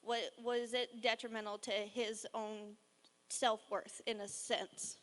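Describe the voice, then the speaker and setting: A woman's voice: fairly high pitch, little pitch movement, takes it slowly, fairly bright tone. A woman fan asking a panel a question, nervous and stammering as she speaks. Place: large convention hall.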